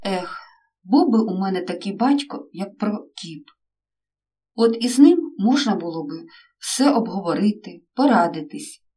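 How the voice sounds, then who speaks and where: A woman reading a story aloud, lively and expressive in her delivery. Her voice sits at an ordinary middle height and is heard a little away from the microphone. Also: medium pitch, measured pace, distant mic. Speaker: narrator.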